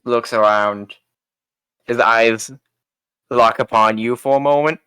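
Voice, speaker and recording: A man narrating as game master in a casual, halting way. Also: medium pitch, sharp tone, smooth, no room sound. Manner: casual, with frequent fillers.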